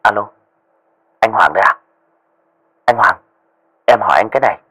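A man's voice: fairly low pitch, normal speed, pushed and bright. A man voicing a hesitant young gang underling who stammers on the phone.

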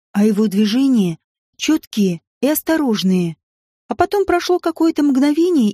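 A woman narrating a romance novel in the first person, in an intimate, expressive reading. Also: sits high, dry recording, clean studio sound. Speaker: audiobook narrator.

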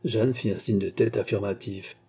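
A man reading a classic French novel aloud as an audiobook narrator, in a measured, declamatory manner. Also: lowish voice, steady tone, mellow, husky. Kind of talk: scripted literary narration.

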